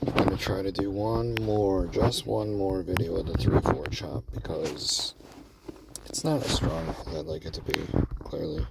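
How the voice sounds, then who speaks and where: Speaking from his parked car, a male gambling strategy vlogger comments on his play in a deep, animated voice with vocal fry at a moderate pace. His laid-back talk is full of cussing and "bro" aimed at viewers, captured on a distant mic in a very noisy recording.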